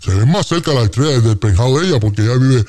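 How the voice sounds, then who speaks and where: A man's voice: medium pitch, expressive, fast talker, darkish tone. A man with a Puerto Rican accent on a comedy radio show, boasting through an exaggerated story full of slang and sung sound effects.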